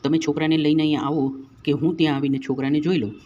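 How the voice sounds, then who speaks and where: A man's voice: on the high side, fairly even intonation, very fast, warm tone, dull audio, a little hiss or hum, lightly acted. A man voicing a cautious village priest and father who speaks practically.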